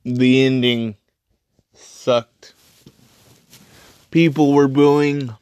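A man hosting a casual solo podcast review, speaking in halting, terse, choppy phrases. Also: medium pitch, steady tone, darkish tone, clean tone, dry recording. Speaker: wrestling podcast host.

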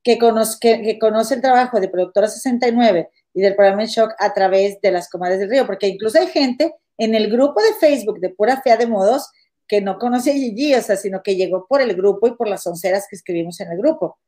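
A woman's voice: medium pitch, brisk, mellow. A woman co-hosting a gossip show, prompting her partner with questions and reacting. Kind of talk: casual gossip chat.

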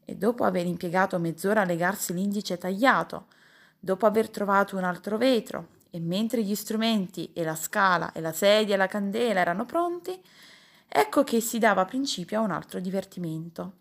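Female audiobook narrator, even storytelling delivery, comic novel. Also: mid-range voice, moderate pace, gravelly. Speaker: audiobook reader.

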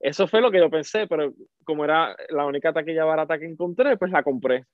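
Puerto Rican man, higher voice, lively casual storyteller; dry, tinny phone-like audio. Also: fast, no room sound. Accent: Puerto Rican Spanish. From Puerto Rico. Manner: animated, repeats words for emphasis. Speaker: podcast guest. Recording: dry, phone-like narrow sound.

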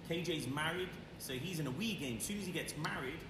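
Echoey and a bit far from the mic, with clear background noise, a man co-hosts a podcast. He talks motivation conversationally, building points through repeated phrases and rhetorical questions. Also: on the high side, brisk. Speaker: podcast co-host.

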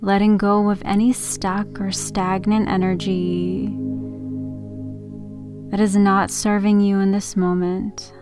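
Gentle woman guiding sleep meditation over music. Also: mid-range voice, little pitch movement. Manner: gentle, unhurried sleep-story delivery. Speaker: meditation podcast host and yoga teacher. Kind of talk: slow, soothing guided sleep meditation narration.

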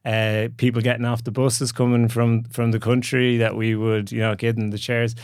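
A man with a west of Ireland accent in a casual interview. His pitch is average and the sound is dry. He tells stories informally, in a self-deprecating way. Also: little pitch movement, normal speed, a little mellow, clear, resonant tone, no echo. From Galway, Ireland. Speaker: podcast guest, entrepreneur.

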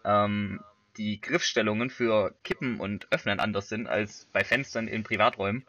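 A man's voice: on the low side, steady tone, normal speed, pushed and bright, highs cut off. A young man co-hosting a casual chat, ranting and laughing often. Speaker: podcast co-host.

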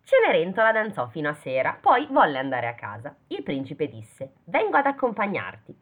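A woman's voice: lowish voice, huge pitch swings, normal speed. A woman reading a fairy tale aloud in casual chat, stopping often to joke about and question the text. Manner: reads then breaks off to joke and question the text. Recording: phone-like lo-fi audio.

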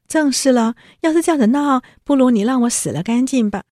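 A woman voicing a jealous, sharp-tongued young woman who answers in petulant retorts. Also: on the low side, expressive, fast talker, vocal fry, slightly rough, no echo, studio quality, full character voice. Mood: sulky, jealous.

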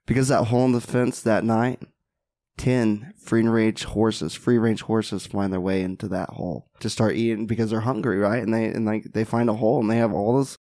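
A man's voice: on the low side, normal speed, no room sound. Man telling a story in a dry voice. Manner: animated, says "right?" and "like" often. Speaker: podcast guest, mindset mentor. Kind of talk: casual storytelling.

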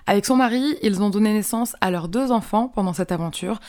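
A woman hosting a podcast, opening the show with a clearly paced intro and asking curious questions. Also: mid-range voice, a little fast, mellow. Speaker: podcast host.

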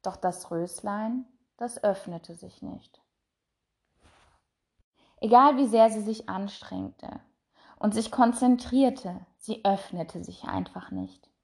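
A woman narrating a fairy tale in a soft, measured voice that trails off quietly. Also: medium pitch, creaky. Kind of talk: storybook reading.

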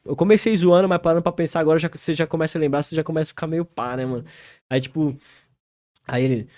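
A man's voice: on the high side, fairly even intonation, fast talker, darkish tone, dry recording, clean studio sound. Laid-back young slang-heavy paulista man. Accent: São Paulo Brazilian Portuguese. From interior of São Paulo state, Brazil. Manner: laid-back, laughs through the story, acts out other people's lines. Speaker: rapper guest. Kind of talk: casual storytelling, heavy street slang.

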